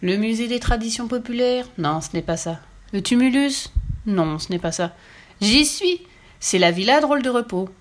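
A woman voicing a cheeky, fearless little red-haired girl in a storybook reading, raising her voice high and teasing. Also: lively intonation, moderate pace, natural voice. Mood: playful. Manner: bright, teasing, mock-polite.

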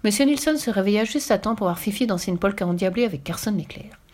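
A woman's voice: mid-range voice, quick pace. Woman reading a children's story aloud. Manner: lively, expressive storytelling.

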